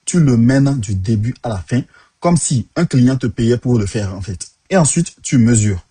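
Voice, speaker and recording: A man's voice: mid-range voice, expressive, moderate pace, dark tone, husky, no room sound. A man in his thirties with an African French accent, giving punchy, direct career advice to the viewer. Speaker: tech career coach. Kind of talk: direct-to-camera advice talk.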